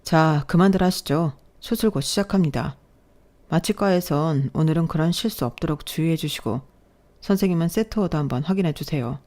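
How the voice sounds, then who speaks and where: A woman voicing a calm young male surgeon professor who speaks in a measured, firm, authoritative way. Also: sits low, lightly acted.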